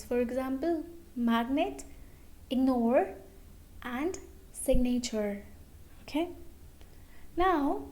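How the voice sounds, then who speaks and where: A woman with a fairly high, mellow voice teaches English pronunciation at a very slow, deliberate pace. She repeats each example word and checks in with a frequent okay. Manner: slow, repeats words, says okay often. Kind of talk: slow explanatory lesson.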